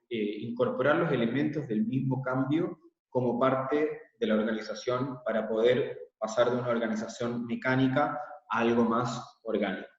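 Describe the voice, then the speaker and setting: A man from Israel, a workshop facilitator, presenting calmly online and explaining with frequent hesitant fillers. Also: medium pitch. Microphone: laptop mic on a video call. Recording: echoey, distant, dull video call audio.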